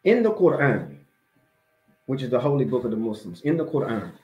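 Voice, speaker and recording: An American imam in his forties gives a motivational religious lecture to camera from a small indoor room at home or an office. He's conversational and emphatic, repeating phrases for emphasis, in a mid-range, slightly mellow voice with big pitch swings at normal speed. The webcam audio is roomy and echoey.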